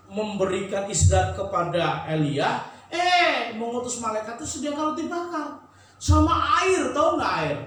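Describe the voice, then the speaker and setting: Male preacher, high voice, jokey sermon with lots of laughs, echoey church hall, faint room noise. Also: a bit bright, distant mic. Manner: chatty, joking, laughs often, acts out nagging spouses in high voice. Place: church sanctuary.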